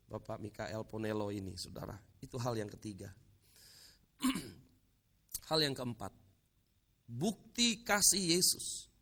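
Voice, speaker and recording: A male preacher telling a conversion story in a sermon, with dramatic storytelling that climbs to emotional peaks. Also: medium pitch. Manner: dramatic storytelling, rising to emotional peaks, addresses congregation as "saudara". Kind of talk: Christmas sermon.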